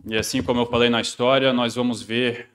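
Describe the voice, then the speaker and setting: A man, a pastor, telling a children's story and then preaching a sermon, with steady, emphatic delivery. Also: mid-range voice, brisk. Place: church sanctuary. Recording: long church-hall reverb.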